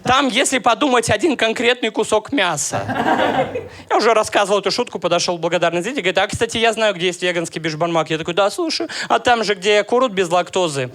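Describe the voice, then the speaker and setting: A man in his thirties from Russia, performing a stand-up comedy set with deadpan, ironic jokes and crowd work. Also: sits high, quick pace. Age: 30s.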